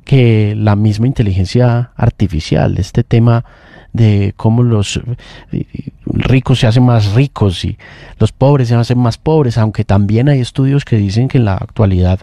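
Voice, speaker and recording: Male radio host, mellow. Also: lowish voice, measured pace, creaky, no echo. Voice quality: talks in long, reflective runs with restarts. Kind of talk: casual morning radio chat. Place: radio studio.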